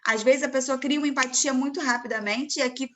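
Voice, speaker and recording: Chatty high-voiced Brazilian woman host. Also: fast, a bit bright, a little hiss or hum. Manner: chatty, many fillers like "né". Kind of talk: casual live chat.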